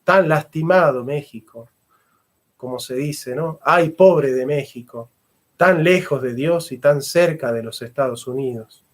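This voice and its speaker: Here a philosopher who teaches history, a middle-aged man, lectures with fervor and keeps circling back to repeated phrases for emphasis. He talks a bit slowly in a slightly high voice.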